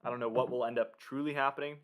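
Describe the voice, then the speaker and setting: A man's voice: medium pitch, steady tone, rapid-fire, fairly bright tone. Casual man doing live storm commentary. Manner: informal, thinking aloud, addressing viewers. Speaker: livestream weather commentator.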